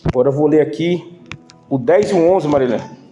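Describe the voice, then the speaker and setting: A man's voice: on the high side, normal speed, echoey room, highs cut off, over music. A man preaching a sermon in an informal, emotional way, calling out to the congregation as brothers. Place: church.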